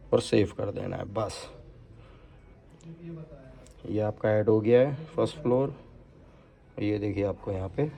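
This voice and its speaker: A man from India with a lowish, dark voice and some vocal fry gives an unscripted hands-on installation demo. He works through it step by step, mixing English technical terms into his explanation as a product installation demonstrator.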